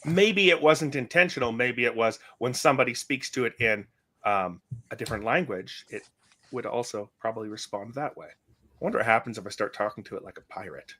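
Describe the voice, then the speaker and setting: A man's voice: mid-range voice, animated, brisk, pushed and bright. A man hosting a casual tech chat, asking curious questions and joking now and then. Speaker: podcast host.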